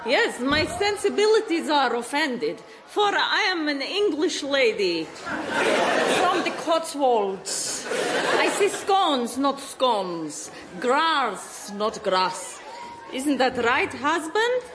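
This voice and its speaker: Affected, high-voiced resentful wife. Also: female voice, big pitch swings, very slow, reverberant, crowd noise, background noise, heavily acted. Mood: affected, prim. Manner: theatrical, affected. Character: affected, resentful English wife, melodramatically genteel. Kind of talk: comedy dialogue.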